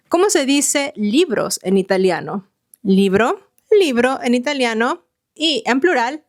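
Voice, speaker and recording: A woman's voice: a little high, no room sound, clean studio sound. A woman teaching an online language lesson, explaining step by step and asking the learner questions as she goes.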